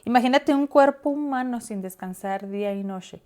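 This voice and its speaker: A woman's voice: on the high side, normal speed, mellow. A woman co-hosting a casual Bible discussion, reading verses aloud and explaining them. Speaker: Bible study co-host.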